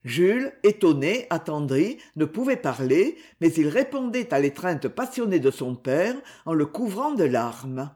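A narrator reading a classic novel as an audiobook in a measured, expressive way. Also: mid-range voice.

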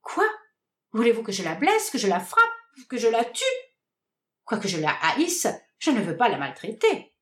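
A woman's voice: a little high, wildly swooping pitch, normal speed, fairly bright tone, reverberant. A woman voicing a harsh, scornful young man rejecting his sweetheart in a read-aloud stage comedy, curt and declamatory. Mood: cold contempt.

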